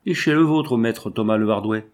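A man voicing a cold, implacable male shepherd sorcerer, speaking in a stony, insistent monotone. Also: fairly low pitch, normal speed, natural voice. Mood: commanding.

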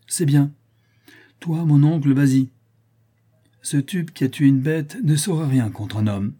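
A man's voice: fairly high pitch, measured pace, warm tone, husky, voice pushed up. A man reading an audiobook who voices a young king's son speaking with scorn. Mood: scornful.

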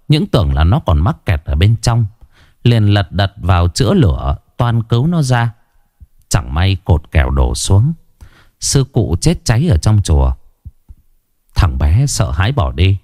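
Expressive low-voiced storyteller man. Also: no room sound, clean studio sound. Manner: unhurried, expressive. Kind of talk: storytelling narration.

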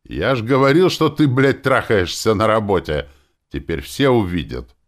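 A man's voice: fairly low pitch, sing-song, moderate pace, pitched above the performer's own voice. A man voicing a pimply teenage punk with a thin, cracking tenor voice who taunts. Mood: mocking.

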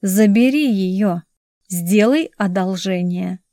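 A woman voicing a mocking, quietly cruel young man in a slow, sneering, drawn-out way. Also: mid-range voice, no echo, studio quality. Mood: cold.

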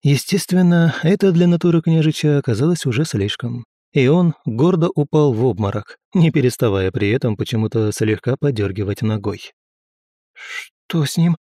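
A man narrating an audiobook in the first person with a steady, measured reading. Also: medium pitch, no room sound, clean studio sound.

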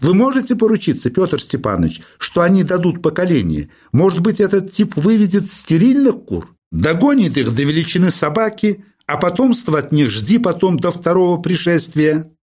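A testy professor rants and lectures, his voice climbing high with irritation, as a man puts him on. The pitch leaps about in a lively, animated way. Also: normal speed, few pauses, husky, heavily acted. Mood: agitated. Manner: exasperated, lecturing. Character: irritable fussy male professor, middle-aged.

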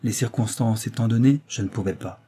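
A man reading aloud voices a stern doctor, speaking with grave, calm authority. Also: on the low side, a little fast, slightly rough. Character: stern calm male doctor, family friend.

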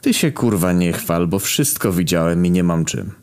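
A man's voice: low voice, lively intonation, normal speed, darkish tone, clear, resonant tone. A man doing a cheeky teasing sidekick. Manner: mocking, teasing quips.

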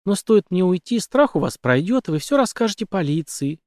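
A man voicing a young woman killer who speaks softly and composedly with quiet menace. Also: high voice, very animated, fairly quick, dry recording, clean studio sound, voice pushed up. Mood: calm menace. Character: cold calm female killer, young woman.

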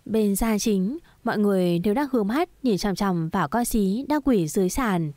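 A woman reads a romance story aloud as narrator. She keeps a steady, even storytelling manner at an ordinary pitch. The sound is dry and close, with no room echo. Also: moderate pace.

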